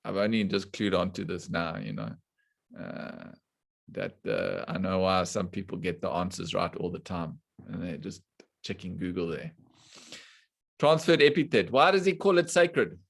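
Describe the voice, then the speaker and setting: A man teaching a scripture class to students online, explaining slowly and deliberately and putting questions to the class. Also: sits low, expressive, vocal fry. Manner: slow and deliberate, quizzing the class. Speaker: spiritual teacher.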